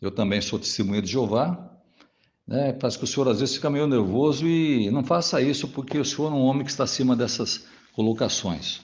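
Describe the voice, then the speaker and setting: A man's voice: mid-range voice, a little fast, darkish tone. A man, a Jehovah's Witness answering a pastor in a recorded monologue. He speaks formally to the listener, often adds "né?" to his sentences, and reads scripture passages aloud. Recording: dull, lo-fi audio.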